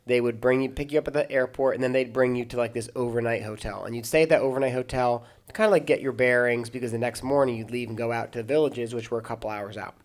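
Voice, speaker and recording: A man's voice: mid-range voice, steady tone, quick pace, hardly any pauses. A man, an American pastor and podcast host, telling long anecdotes in casual chat, with many restarts and bursts of laughter.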